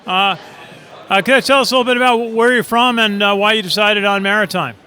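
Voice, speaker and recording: Bright high-voiced man interviewing. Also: steady tone, a little fast. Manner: hesitant, many "uh" fillers, brief praise. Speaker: interviewer and video host. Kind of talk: casual event interview.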